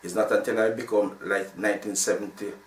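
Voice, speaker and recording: In casual interview talk, a Jamaican sound system founder in his sixties recounts his story with plenty of restarts and rambling. His Jamaican-accented voice is on the low side, steady in tone, and a little fast. The mic sits far off, giving a roomy sound.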